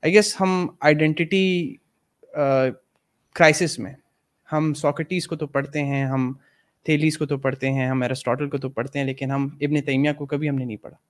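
A man's voice: a little high, little pitch movement. A man in a casual discussion, reflective, switching between Urdu and English phrases. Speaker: guest in a discussion.

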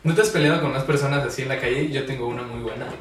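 A man's voice: mid-range voice, very fast. A young Mexican man chatting casually and telling a story in a blunt way, swearing freely. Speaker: podcast co-host. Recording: roomy, distant mic, light noise.

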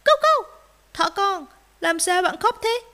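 A woman voicing a pack of small dogs in a children's story, yapping and excitable. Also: very high voice, takes it slowly, big-room sound, pitched above the performer's own voice, exaggerated voice. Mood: kind. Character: pack of small noisy dogs, eager and timid.

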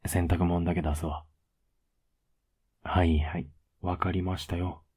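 A man playing a teasing, affectionate young boyfriend in a soft ASMR role-play, with a low, husky voice. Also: flat delivery, measured pace. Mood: tired, casual. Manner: laid-back, gently teasing, intimate.

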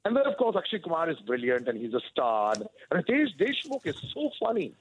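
A man's voice: fairly high pitch, huge pitch swings, a little fast, a little hiss or hum, poor audio. A man giving chatty, opinionated film gossip as a radio show correspondent, speaking with enthusiasm. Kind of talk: casual chat over radio.

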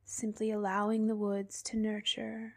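A woman guides a soothing meditation in the manner of a sleep story narrator. Her delivery is very slow and even, with little movement in pitch. The soft, breathy voice often sinks toward a whisper and into gentle creak, with long pauses between phrases.

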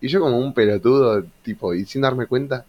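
A man's voice: mid-range voice, a little fast, dull audio. A man with an Argentine accent telling school stories in a casual chat as co-host, laughing often and swearing freely. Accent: Argentine Rioplatense Spanish. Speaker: podcast co-host.

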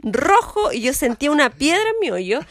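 Lively high-voiced Chilean woman. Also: moderate pace. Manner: animated, crude and joking, acts out voices. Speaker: podcast co-host. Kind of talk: casual storytelling chat.

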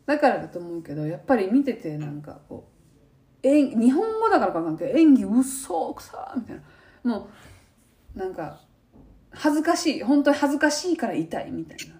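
Young woman, Kansai accent, animated chatty storyteller, very lively pitch. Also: a little fast. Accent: Kansai Japanese. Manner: animated storytelling, acting out quoted lines. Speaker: podcast co-host. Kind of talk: casual chat.

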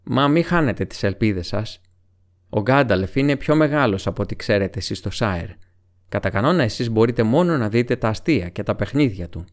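A man voicing Strider, a grave, weathered ranger who speaks in a calm, guarded way, in an audiobook reading. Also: on the low side, lightly acted.

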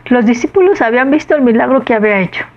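A woman's voice: on the high side, expressive, rapid-fire, dull audio. Woman giving a conversational sermon. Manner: warm, conversational, with frequent questions to listeners. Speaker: preacher. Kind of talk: Gospel reflection.

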